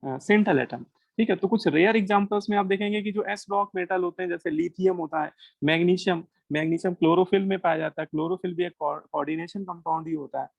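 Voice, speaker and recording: A man's voice: high-pitched, fairly quick, vocal fry, no room sound. Indian man teaching a chemistry lesson. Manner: asks questions and answers them himself, mixing Hindi and English. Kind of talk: classroom lecture. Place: classroom with students.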